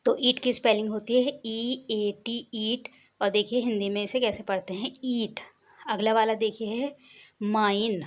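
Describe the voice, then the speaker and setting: A young woman, a teacher patiently explaining English words and spelling them out letter by letter. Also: medium pitch.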